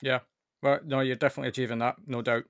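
A man's voice: medium pitch, level tone, rapid-fire, dry recording. A man hosting an interview, enthusiastic and with hesitant restarts. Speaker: podcast host.

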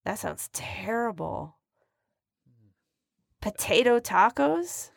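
A woman's voice: fairly high pitch, big pitch swings, slow, creaky, no echo, studio quality. A woman co-hosting a podcast in casual chat, playful and teasing. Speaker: podcast co-host.

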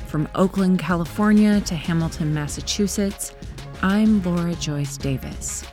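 Speaking in a rather low, soothing voice, a woman hosts her podcast from a script, taking her time. Quiet music plays faintly behind her.

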